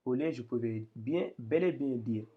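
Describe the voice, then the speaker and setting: A man's voice: mid-range voice, moderate pace, narrow, tinny audio. A man teaching a lesson, explaining step by step with patient repetition and frequent restarts. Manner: patient, repeats and restarts often. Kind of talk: explaining Arabic reading step by step.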